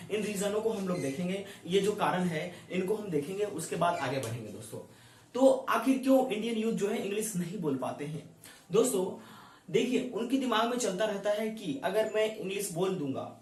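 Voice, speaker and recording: A man's voice: high-pitched, darkish tone, slight background noise. A young man with an Indian accent teaching English in an online lesson, talking straight to his viewers. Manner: keeps saying "dosto", addressing viewers directly. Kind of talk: YouTube lesson. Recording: echoey room, voice from a distance.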